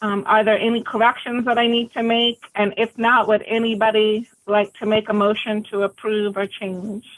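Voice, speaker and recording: A woman's voice: medium pitch, little pitch movement, moderate pace, hardly any pauses, rough recording. A woman chairing an online meeting, friendly and welcoming as she runs through the agenda. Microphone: video call.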